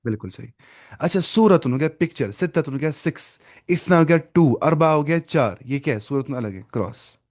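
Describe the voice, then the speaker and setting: Man, teacher, online class lecture, fairly high voice, step-by-step explaining, quizzes students by name. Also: expressive, darkish tone. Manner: mixes in English words. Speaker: Arabic teacher.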